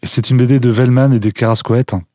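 A man's voice: mid-range voice, steady tone, fast talker, mellow, no room sound, studio quality. Hesitant, enthusiastic male radio guest. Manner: enthusiastic, hesitant with many fillers. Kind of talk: casual radio interview. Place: radio studio.

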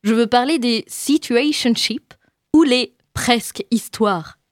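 Young woman, comic column, self-mocking, chatty asides, high-ish voice, dry close mic. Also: slow, no echo. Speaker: radio columnist.

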